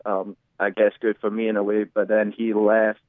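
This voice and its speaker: A young Scottish man with a thick accent gives a casual phone interview as a soccer player. His voice is fairly low, completely flat and at a moderate pace, with no room sound over a tinny, narrow phone line.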